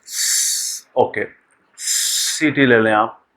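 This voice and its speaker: A male English teacher with a bright, medium-pitched voice speaks slowly in a classroom lesson explaining pronunciation. He is deliberate, repeating sounds and words and pausing often.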